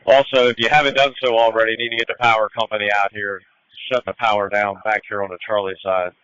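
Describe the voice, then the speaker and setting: A man's voice: lowish voice, flat delivery, quick pace, fairly bright tone, clean tone. A man giving firefighter radio reports to command from the fireground over a two-way radio. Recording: noisy, muffled firefighter radio transmission.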